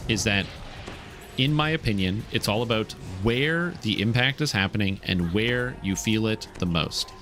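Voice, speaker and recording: Man, livestream headset mic, casual streamer chatter, filler-heavy, lowish pitch. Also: normal speed, fairly bright tone, soft background music. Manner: chatty, loose, thinking aloud with many fillers. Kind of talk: casual gameplay commentary.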